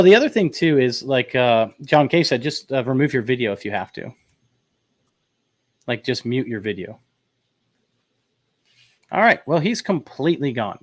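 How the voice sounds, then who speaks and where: A man hosting a casual chat, talking in a relaxed, rambling way with many fillers and restarts. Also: medium pitch, no room sound. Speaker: host. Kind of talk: casual chat about audio gear.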